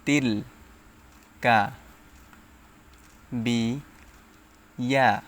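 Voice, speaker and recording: A man's voice: medium pitch, steady tone, extremely slow, a bit bright. A man teaching Quran reading, explaining rules and then sounding out letters and syllables one at a time. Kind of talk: slow step-by-step recitation lesson.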